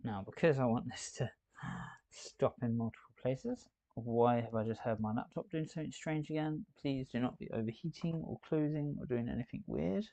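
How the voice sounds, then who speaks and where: Man chatting gravelly as he builds. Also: medium pitch, normal speed, dark tone, no room sound. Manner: chatty, thinking aloud. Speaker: host. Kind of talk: live building stream chat.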